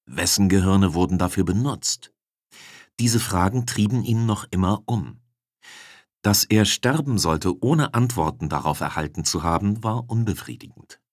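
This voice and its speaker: A male audiobook narrator reading in a measured, dramatic way. His voice sits on the low side. The recording is dry, with no room sound. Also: expressive, no room sound.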